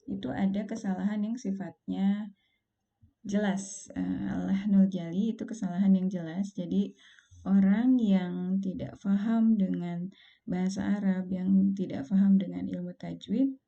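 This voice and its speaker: A woman teaching Quran recitation in an online lesson, explaining calmly and patiently and slowing down to recite examples. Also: mid-range voice, gravelly, highs cut off.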